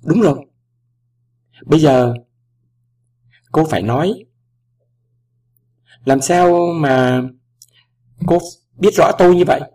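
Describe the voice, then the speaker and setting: A man's voice: on the high side, mellow, voice pushed up. A man playing a cautious older ambassador father. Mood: measured. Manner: measured, careful. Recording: voice distant from the mic.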